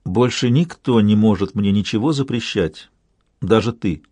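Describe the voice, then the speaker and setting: A man voicing a weary, stubborn young girl healer in an audiobook, speaking quietly and with determination. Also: lowish voice, moderate pace, breathy edge, no echo. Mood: defiant.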